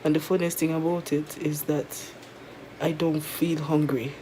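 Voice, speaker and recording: A woman with a Jamaican accent chats casually to viewers in a halting, weary way, her throat sore and mouth dry after tonsil surgery. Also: low-pitched, little pitch movement, warm tone, slight background noise, low-quality recording. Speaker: vlogger. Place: resting at home in bed.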